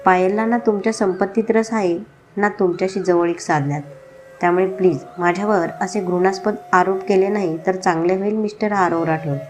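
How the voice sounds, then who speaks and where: A woman voicing a feisty young woman who speaks in an indignant, sharp way in a storybook reading. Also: medium pitch, fairly even intonation, a little fast, noisy background, close to an everyday voice. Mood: angry.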